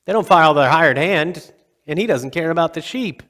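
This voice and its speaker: A male pastor preaching a sermon in a conversational way, with dramatic pauses, now and then acting out the quotes. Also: a little high, lively intonation, bright, forceful tone. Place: church sanctuary. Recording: long hall reverb.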